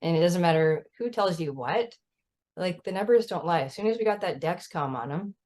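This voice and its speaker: In a casual video-call chat, a mother of a child with type 1 diabetes tells stories earnestly and emphatically, often tacking on "right?". Her voice is lowish, animated and darkish, at normal speed.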